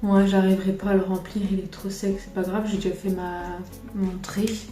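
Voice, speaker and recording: A woman's voice: mid-range voice, level tone, normal speed, dark tone. A woman from France chatting through a casual makeup tutorial, rambling and poking fun at herself, filmed on a camera on a tripod. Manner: chatty and self-deprecating, rambling asides. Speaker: makeup vlogger. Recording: roomy room, faint music behind.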